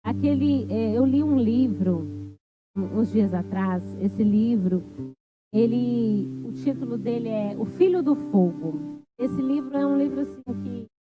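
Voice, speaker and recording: A woman giving an informal church sermon, halting with many fillers and restarts. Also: a little high, phone-quality sound, music in the background. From Brazil. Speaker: church speaker.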